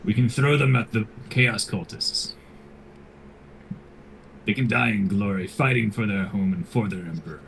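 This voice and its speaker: A man playing a tabletop game, calm and amused. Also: fairly low pitch, moderate pace, creaky, long pauses, slight background noise. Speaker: player. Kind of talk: tabletop role-play.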